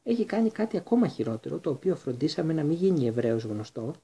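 A man reading the part of a pompous, ingratiating middle-aged male wizard minister in a storybook, in a dark, husky voice. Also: on the high side, big pitch swings, voice pushed up, heavily acted. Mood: confiding.

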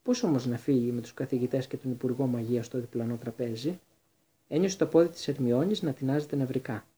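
Guy narrating an audiobook, husky dark voice, steady. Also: medium pitch. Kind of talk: scripted storybook narration.

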